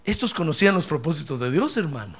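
A man's voice: fairly high pitch, big pitch swings, quick pace, breathy edge. A man preaching a sermon as pastor, telling humorous stories and acting out his congregants' voices.

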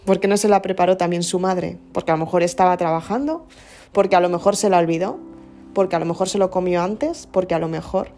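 Woman, reflective monologue, mellow low-key tone, faint music under her. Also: fairly even intonation, fast talker. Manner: earnest, questioning, restarts words. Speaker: speaker giving personal reflections.

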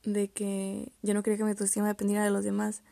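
Young woman, solo podcast host, casual rambling talk with muttered asides, mellow fry-heavy voice, dry close recording. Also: mid-range voice, monotone, fast talker, dry recording. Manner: rambling, self-interrupting, often drops to mutters and whispers. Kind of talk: casual solo chat about poetry.

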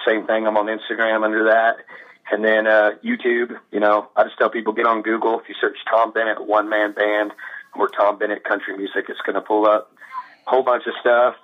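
A man, a guest musician, talking casually in an interview, relaxed and rambling with lots of fillers. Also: fairly low pitch. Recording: tinny phone line.

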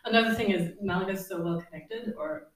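A woman's voice: medium pitch, fast talker, far from the mic. German woman in her thirties, off-mic. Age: 30s. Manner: relaxed, laughs often, many fillers. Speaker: guest. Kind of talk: casual interview chat. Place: apartment overlooking the sea. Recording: echoey room, off-mic.

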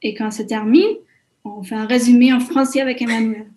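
A woman's voice: fairly high pitch, fairly even intonation, a little fast, dark tone. A Hungarian woman speaking French as a second language with a Hungarian accent, talking hesitantly as an interview guest with fillers and small slips.

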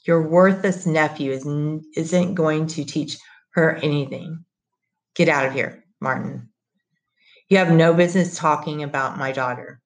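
A woman's voice: low-pitched, fairly even intonation, measured pace. A woman doing a firm, proud father. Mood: angry. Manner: firm, controlled. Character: proud middle-aged father, former business manager, restrained.

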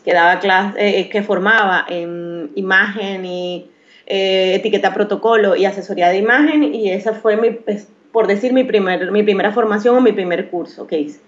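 A woman's voice: mid-range voice, steady tone, moderate pace. A woman in her thirties from Venezuela with a Maracaibo accent, a makeup artist answering interview questions hesitantly, with many restarts. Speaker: guest, professional makeup artist. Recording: slightly dull, lo-fi sound.

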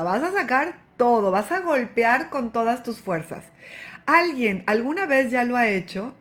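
Animated woman coaching warmly. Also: a little high. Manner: affectionate, calls listener "hermosa", frequent "¿ok?"; animated, emphatic. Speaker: wellness coach. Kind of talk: motivational talk to women.

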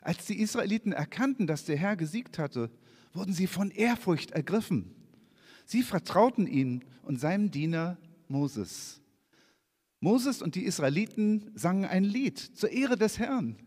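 A man preaching in a church, reading scripture aloud in a lively, expressive way with casual asides. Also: high-pitched, a little slow. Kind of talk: sermon reading scripture with slides. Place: church hall. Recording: long church reverb.

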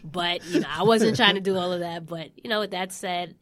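Female co-host, twenties, Queens accent, lower register, relaxed conversational delivery. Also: brisk. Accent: Queens, New York. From Queens, New York. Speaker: co-host of a wrestling talk show. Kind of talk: casual chat.

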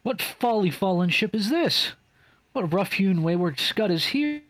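A man's voice: sits high, sing-song, a little slow, a bit bright, voice pushed up, exaggerated voice. A man voicing an impatient young farm boy who complains in indignant Shakespearean verse.

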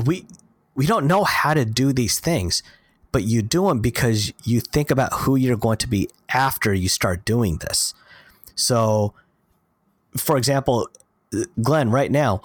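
A man's voice: lowish voice, no room sound. A man co-hosting a podcast, talking earnestly in casual chat and acting out little bits of dialogue as he tells stories. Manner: earnest, animated storytelling with quoted dialogue. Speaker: podcast co-host.

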